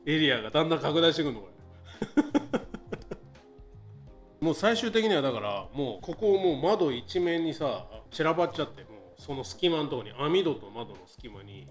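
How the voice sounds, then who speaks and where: Guy telling a scary true story on a live stream, voice all over the place, does the buzzing sounds, quiet music behind. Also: fairly high pitch, fast talker, hardly any pauses. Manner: animated, acts out quotes and buzzing sounds, laughs often.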